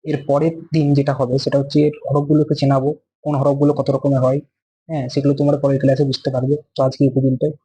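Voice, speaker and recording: A man's voice: medium pitch, flat delivery, very fast, mellow, breathy edge, poor audio. A man teaching a beginner Quran letter class, patiently repeating each letter and answering his own questions. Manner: asks questions and answers them himself. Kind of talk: beginner Arabic letter lesson.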